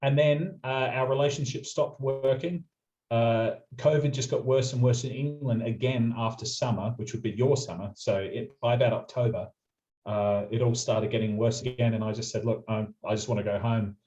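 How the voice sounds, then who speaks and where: Muffled, lo-fi audio captures a young Australian radio presenter recounting travel stories in a chatty, fast, anecdotal way during a casual interview. His mid-range voice has a dark tone and fairly even intonation.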